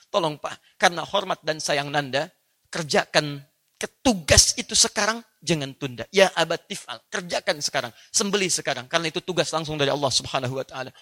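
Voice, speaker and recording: Man doing a devoted young son, earnest, tender, bright high voice. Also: fairly quick. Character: devoted young son pleading respectfully with his father.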